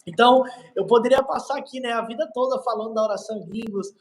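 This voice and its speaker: A man's voice: extremely high pitch, fast talker, poor audio. A man with a Brazilian accent, a pastor preaching on a live stream in an emphatic, repetitive way.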